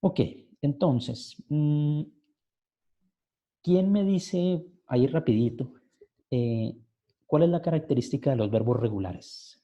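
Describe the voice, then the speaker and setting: A man explains grammar patiently and slowly in an online class. His voice is deep and mellow. The call audio sounds muffled and lo-fi. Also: lively intonation. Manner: patient, explains step by step, switches between Spanish and English. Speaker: English teacher.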